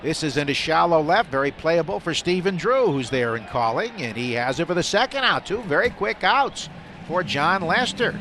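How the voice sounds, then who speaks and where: This is a play-by-play radio announcer working a live baseball game from a booth at an outdoor ballpark. His voice is a little high and his speed normal, with the ballpark's steady ambient noise behind him.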